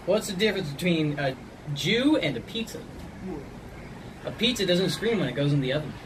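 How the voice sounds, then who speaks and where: A woman hosts a laughing challenge, reading jokes in an animated voice at a moderate pace, and she's blunt and profane about it. The recording is noisy, with a distant mic and a rumbling background.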